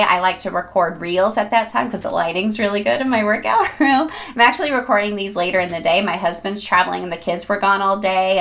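Woman, medium pitch, upbeat advice podcaster, chatty, encouraging, friendly address to listeners. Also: a bit bright. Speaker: podcast host.

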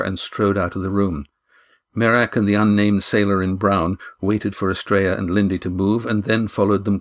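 A man reads a novel aloud in a steady, measured way, his voice sitting fairly low. The delivery is scripted narration, calm and even. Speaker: audiobook narrator.

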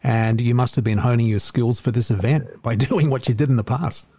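Male Australian radio interviewer, medium pitch, easygoing conversational questioning. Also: brisk, dark tone, breathy edge.

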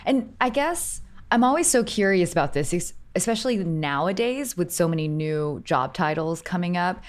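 A woman hosts an interview podcast with bubbly enthusiasm, her questions coming in quick, eager bursts. Her speaking voice is quite low for a woman. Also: lively intonation. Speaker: podcast host. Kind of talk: conversational interview.

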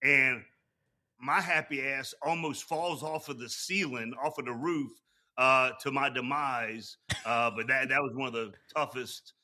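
A male guest broadcaster chats casually about sports. His voice is extremely bright and sharp, with a forceful edge, and his phrasing is informal and colloquial. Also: mid-range voice, steady tone, measured pace. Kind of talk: casual sports chat and anecdotes.

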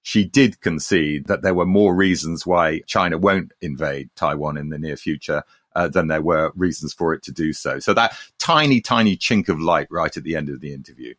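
A man's voice: extremely low pitch, normal speed, fairly bright tone, no room sound, clean studio sound. A man co-hosting a podcast in a conversational, reflective way, offering his own views. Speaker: podcast host.

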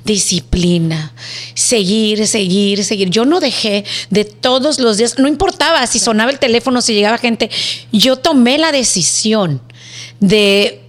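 A woman's voice: fairly high pitch, moderate pace. A woman in her fifties with a Mexican Spanish accent, a guest telling her story in a casual interview and acting out voices as she goes. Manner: animated, acts out voices in her stories. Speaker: guest, business owner.

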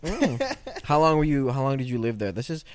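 A man's voice: medium pitch, sing-song, fairly quick, dry recording. A young man hosting a casual podcast with blunt, profane, pushy frat-bro banter. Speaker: podcast host.

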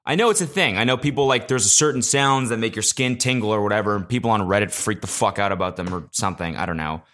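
A man hosting a casual solo podcast, talking into a podcast mic in an animated, profane rant that jumps between loud exclamations and low mutters. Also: fast talker. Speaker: podcast host. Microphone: podcast microphone.

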